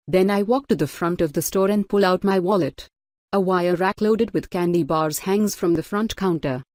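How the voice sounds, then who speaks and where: Low-voiced woman reading an audiobook. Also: darkish tone, dry recording, clean studio sound. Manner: measured, first-person storytelling. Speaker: audiobook narrator. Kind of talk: scripted audiobook narration.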